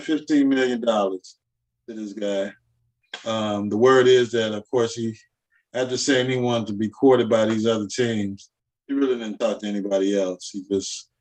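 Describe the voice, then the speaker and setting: A man's voice: fairly low pitch, poor audio. A middle-aged man co-hosting a casual sports talk show, giving blunt opinions with plenty of profanity. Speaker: co-host.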